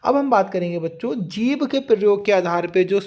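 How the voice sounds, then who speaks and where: A man's voice: high-pitched, animated, normal speed, a little mellow. A man teaching an exam-prep grammar lecture, patiently repeating each point and often addressing his students directly.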